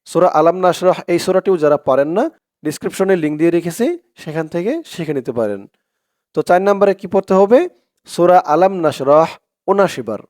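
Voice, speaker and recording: A man with a Bangladeshi Bengali accent teaching a prayer routine step by step, reciting Arabic phrases slowly and repeating each count patiently for his viewers. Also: fairly high pitch, a little mellow, dry recording, clean studio sound. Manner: repetitive, patient, addresses viewers directly. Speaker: religious teacher. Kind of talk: step-by-step instruction.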